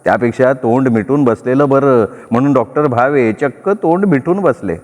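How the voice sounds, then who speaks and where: A man telling a story aloud in a lively, expressive narrating style. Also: medium pitch, normal speed. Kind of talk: dramatic story reading. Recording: long reverb.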